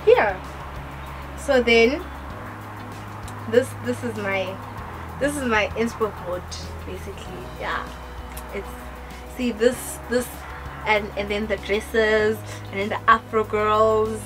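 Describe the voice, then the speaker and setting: A woman's voice: medium pitch, slow, pauses often, music in the background, low-quality recording. A teenage girl chatting casually on a couch with her father, rambling with lots of fillers and giggles. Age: teens. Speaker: daughter on a couch chat. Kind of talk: casual chat. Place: living room, on a couch.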